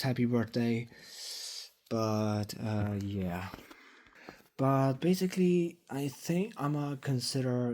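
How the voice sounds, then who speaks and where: A young man of twenty talks into a phone for a casual vlog update. His voice is mellow and dark-toned, and he rambles, swears freely and keeps restarting his sentences. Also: mid-range voice. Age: 20s. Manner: rambling and profane, with lots of fillers and restarts. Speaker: YouTuber.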